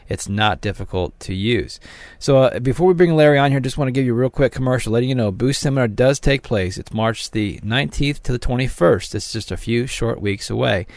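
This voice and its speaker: A man's voice: mid-range voice, no room sound. A man hosting a promotional teleseminar, speaking straight to his listeners in a motivational sales patter. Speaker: seminar host and promoter.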